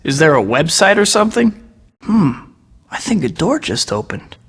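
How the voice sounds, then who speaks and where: A man's voice: fairly high pitch, sing-song, moderate pace, fairly bright tone, slightly rough, full character voice. A young man voicing a quippy, upbeat superhero in a video game, firing off sarcastic one-liners. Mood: wisecracking. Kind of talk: game voice clips. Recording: long reverb on the game audio.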